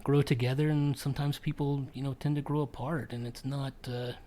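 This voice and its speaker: A man's voice: medium pitch, flat delivery, brisk, warm tone. Male podcast host, casual chat, hesitant delivery with frequent fillers. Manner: hesitant, full of ums and restarts.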